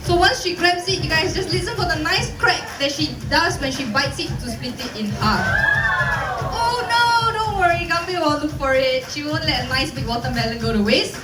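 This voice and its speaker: A cheery, playful woman with a Singaporean accent gives a live zookeeper talk from an open-air covered viewing stand at a zoo, coaxing the audience to join in. Her high-pitched voice is brisk with few pauses, coming through a handheld PA mic and echoey speakers, filmed from the audience far away with a crowd and music behind.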